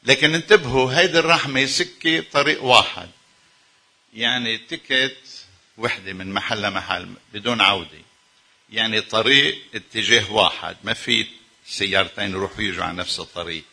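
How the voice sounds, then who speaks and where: Husky, bright-voiced Lebanese preacher man. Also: on the low side, brisk. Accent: Lebanese Arabic. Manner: emphatic, with rhetorical questions to the audience. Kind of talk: sermon to a congregation.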